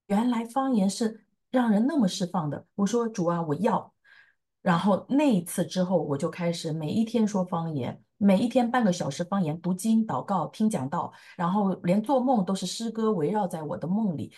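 A woman in her thirties giving an earnest personal faith testimony, halting often with fillers as she recalls events. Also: fairly low pitch, a little mellow. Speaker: testimony speaker. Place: lives in the United States.

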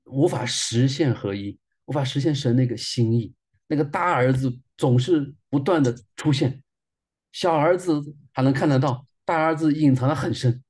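A man's voice: mid-range voice, darkish tone, breathy edge. A man in his forties, a minister, sharing a personal testimony sermon in an earnest way and repeating phrases for emphasis.

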